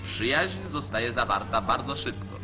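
A man's voice: mid-range voice, lively intonation, moderate pace. A man giving formal, declamatory scripted commentary for an old 1940s newsreel. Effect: old 1940s newsreel sound. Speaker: newsreel narrator. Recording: dull lo-fi 1940s newsreel track. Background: music under the voice.

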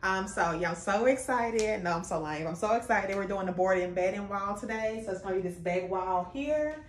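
A woman's voice: medium pitch, normal speed. A woman doing a casual DIY how-to vlog, chatting and explaining each step while her voice echoes around a bare bedroom. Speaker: DIY vlogger. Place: bedroom with the bed moved away.

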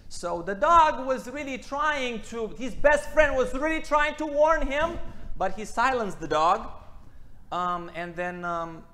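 A man preaching a sermon, swinging between loud emphatic bursts and quiet asides and repeating phrases for emphasis. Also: very high voice, expressive, slow pace.

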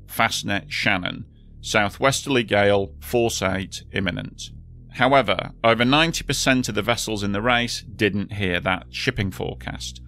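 A man narrating a history documentary in a steady, measured storytelling voice. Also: on the low side. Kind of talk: scripted narration.

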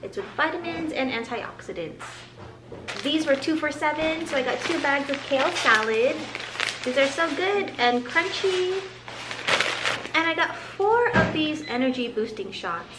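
A woman's voice: high-pitched, lively intonation, measured pace. A woman in her thirties casually showing off her grocery haul on her home vlog, chatty and upbeat, in a living room recorded by a camera. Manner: chatty, upbeat, lingers on some words. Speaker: vlogger. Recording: roomy home audio with background hiss.

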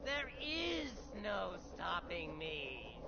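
An actor playing a cold, arrogant male android villain in a video game, with a too-smooth synthetic android voice and a haughty, contemptuous manner. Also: high voice, wildly swooping pitch, drawn-out words, exaggerated voice. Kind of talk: video game character dialogue. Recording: muffled game audio, loud noise.

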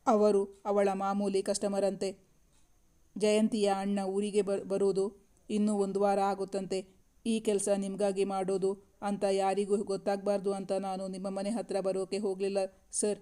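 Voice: medium pitch, completely flat delivery, a little slow, mellow, clean tone, close to an everyday voice. A narrator reading the lines of a young man who respectfully reports to his boss in an audiobook novel. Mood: deferential. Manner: deferential, calls the listener sir.

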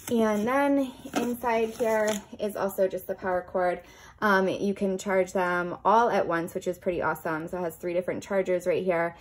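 In a medium-pitched voice, a woman gives an informal, unboxing-style product review, casually walking through the features as she goes.

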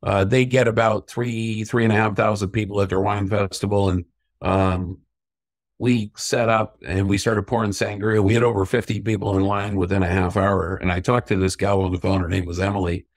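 A middle-aged man telling lively anecdotes in a casual interview about his sangria business. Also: on the low side, normal speed, no room sound, studio quality. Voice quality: self-described stubborn Irishman. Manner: chatty anecdotal storyteller, acts out quoted voices. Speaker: sangria company owner.

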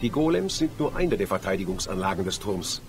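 Animated, anxious bookish mage. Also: male voice, low-pitched, brisk, music in the background. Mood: earnest explaining. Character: anxious, bookish male mage, grateful and long-winded. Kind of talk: video game acting.

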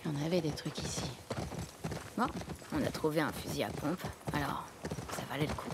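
A woman's voice: deep voice, fairly quick, very noisy. An actress playing a practical, wry young woman survivor in a naturalistic French video game dub. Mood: matter-of-fact. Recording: loud game ambience over voice.

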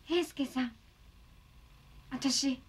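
An actress playing a young woman who speaks softly and earnestly to the man she loves, in a TV drama. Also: high voice, drawn-out words, slightly rough, full character voice. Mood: pleading. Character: young woman pleading for a man's love. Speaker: character in a TV drama. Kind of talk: TV drama acting. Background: music score.

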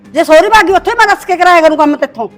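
A woman's voice: extremely high pitch, racing, faint music behind. An actress playing a harsh, nagging stepmother in a village short film, speaking Punjabi with a Punjabi accent. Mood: scolding. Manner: nagging, scolding, sharp-tongued. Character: harsh scolding stepmother, middle-aged village woman.

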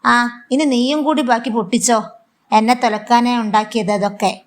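A woman's voice: on the high side, a little fast, lightly acted. Woman reading a hot-tempered son who snaps at his old mother, Malabar accent, storybook drama. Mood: angry. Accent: Malabar Malayalam. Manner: scolding, contemptuous. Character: harsh angry young adult son.

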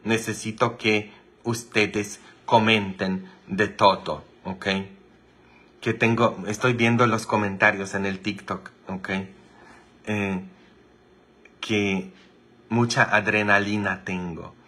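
A man's voice: fairly low pitch, level tone, takes it slowly, bright, forceful tone. A priest telling jokes on a livestream, teasing and quizzing his viewers. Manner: teasing, chatty, asks viewers many questions. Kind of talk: joke-telling livestream chat.

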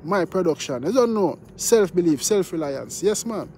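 A man's voice: high-pitched, lively intonation, normal speed, warm tone, a little hiss or hum. A man reviewing a song in casual chat, talking in patois phrasing and singing along at times. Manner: Jamaican-style patois phrasing, sings along. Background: music playing.

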